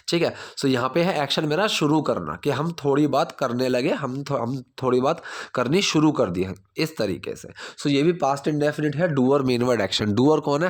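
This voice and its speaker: A man teaching English grammar in Hindi, explaining step by step and saying the English example sentences slowly. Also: medium pitch. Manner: explains step by step, checks with "theek hai?".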